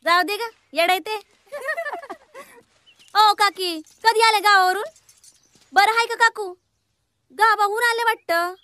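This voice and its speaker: A woman's voice: very high-pitched, takes it slowly, long pauses, sharp tone, no echo, exaggerated voice. An actress playing a carefree young village woman, talking breezily and brushing things off. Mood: breezy. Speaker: village girl. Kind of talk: film acting.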